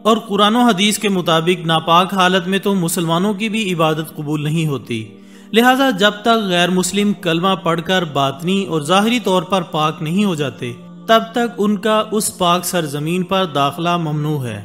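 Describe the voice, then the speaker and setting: With soft background music running throughout, a man with a high voice delivers a scripted documentary narration. His Urdu is measured and formal, with Arabic religious phrases woven in.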